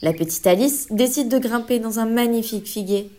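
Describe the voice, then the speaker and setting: A woman narrating a children's fable aloud in a gentle, clear storytelling manner. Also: on the high side, a little fast, slight background noise. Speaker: story reader.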